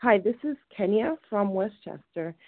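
A woman's voice: medium pitch, lively intonation, moderate pace. A woman in her twenties from the Dominican Republic, calling in with a question, talking hesitantly with many restarts. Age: 20s. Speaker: caller. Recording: tinny phone line.

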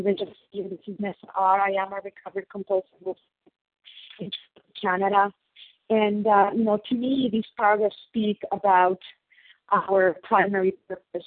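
A woman's voice: medium pitch, no echo. A woman sharing earnestly at a recovery phone meeting, her voice on a crackly phone line that fades in and out. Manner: earnest, explanatory, repeats key phrases. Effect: crackly phone line fading in and out. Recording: tinny dry phone line.

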